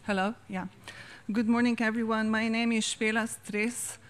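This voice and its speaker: Woman, clear formal introduction. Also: on the high side, level tone, normal speed. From Slovenia. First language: Slovenian. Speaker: panel member.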